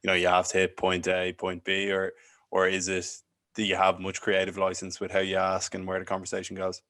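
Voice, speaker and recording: Man, podcast host, casual, loose questions, very low voice, monotone. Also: a little fast. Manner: relaxed, loosely phrased questions.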